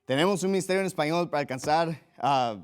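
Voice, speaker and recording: A man from Mexico, a pastor, preaching a combative sermon in a forceful style, often restarting and repeating words as he drives home pointed questions. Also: fairly high pitch, fast talker, clean tone.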